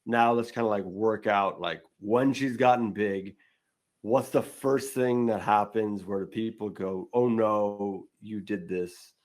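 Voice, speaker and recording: A man's voice: lowish voice, a little slow. A man hosting a casual chat, brainstorming a film story in a rambling way and acting out quoted lines. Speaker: podcast host.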